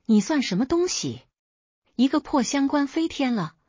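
A woman voicing a proud, angry male village official who speaks in a booming, commanding way. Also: lively intonation, moderate pace, a little mellow, husky, dry recording, dull audio. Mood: furious.

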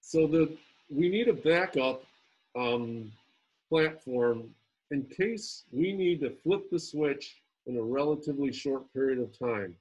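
Husky-voiced man presenting over video call. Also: medium pitch, animated, darkish tone, rough recording. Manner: halting, frequent ums and restarts.

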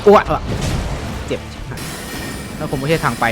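A man giving casual, profane commentary while playing a game, yelping and laughing as he goes. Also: fast. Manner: swears a lot, yelps and laughs at the game. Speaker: gameplay streamer. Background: game music.

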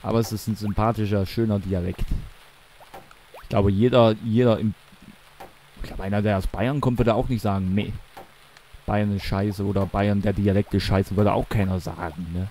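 A young let's play commentator speaks at normal speed in a fairly low, steady, mellow voice marked by his eastern German Mansfeld accent. Rambling and self-correcting, he chats casually about the game over a little hiss or hum.

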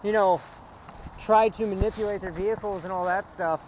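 Guy vlogging outdoors on a trail, fairly high voice, laid-back chat, faint noise behind. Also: steady tone, normal speed, a little mellow. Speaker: vlog host. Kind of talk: casual chat while driving RC trucks.

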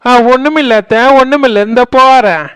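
A sassy young cartoon daughter-in-law with a Kanyakumari accent, put on by the same actor who voices the son. She fires back quick, mocking retorts in a raised, high voice. The recording is dry. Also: fairly bright tone, clear, resonant tone, no echo. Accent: Kanyakumari Tamil.

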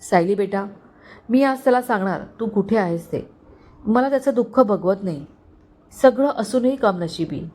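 Woman reading a kind old servant uncle in an audio story, soft fatherly pleading. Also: medium pitch, lively intonation, normal speed, close to an everyday voice. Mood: anxious. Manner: gentle, pleading and tender. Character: kindly older male family servant, fatherly.

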